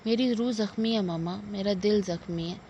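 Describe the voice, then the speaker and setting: Tired, soft-spoken young son, low and hushed, read by a woman with a gravelly edge; dull lo-fi audio. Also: natural voice. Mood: weary. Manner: quiet, slow and tired. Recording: dull lo-fi with faint noise.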